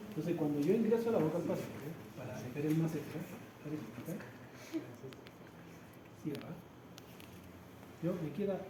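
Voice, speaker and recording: A man instructor, leading a hands-on practical class demonstration and explaining step by step while checking in with his students. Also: a little high. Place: practice room with a treatment table. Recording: echoey room with loud background noise.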